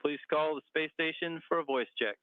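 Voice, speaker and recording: A man's voice: on the high side, brisk, smooth, no room sound. A man working as a mission control communicator, making procedural call-outs over a radio link like a sci-fi communicator. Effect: radio transmission. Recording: narrow phone-like radio link.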